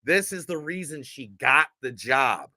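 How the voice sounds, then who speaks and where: Male podcast host: casual, emphatic film talk, bright tone, very expressive intonation. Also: medium pitch, unhurried, dry recording, clean studio sound. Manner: enthusiastic, emphatic. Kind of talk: casual movie chat.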